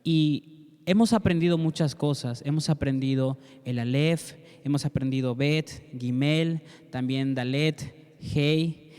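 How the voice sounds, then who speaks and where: Male Bible teacher, earnest and direct, smooth slightly high voice, reverberant room. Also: slow. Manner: warm earnest teaching, addresses listener directly. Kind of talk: Bible class with prayer. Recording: long reverb.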